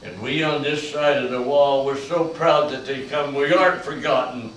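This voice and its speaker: An older man, a veteran, performing a slow, emotional spoken-word monologue that swells to loud peaks on key lines. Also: mid-range voice, steady tone, slight background noise. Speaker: Vietnam veteran storyteller. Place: large echoey college room. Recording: echoey room from far off.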